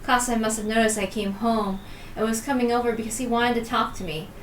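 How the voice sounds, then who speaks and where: Reading a story on stream in a casual, slightly self-conscious way, this woman has a steady, somewhat high voice and talks a little fast. The mic is distant, so the room sounds roomy and carries faint noise.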